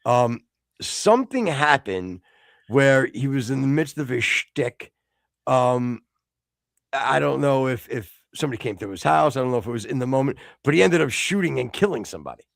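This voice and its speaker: A man from the United States co-hosting a casual podcast, rambling with many restarts and sudden excited outbursts. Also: mid-range voice, moderate pace, vocal fry, no room sound, studio quality. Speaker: podcast co-host.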